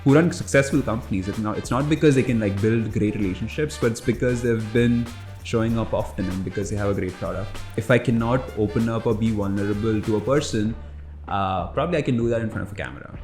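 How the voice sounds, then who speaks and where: A young man raised in India, a startup founder, guests on a casual podcast, drifting through reflective stories full of fillers such as "like" and "you know." His lowish, slightly mellow voice moves at a quick pace over soft background music, in a roomy, echoing space.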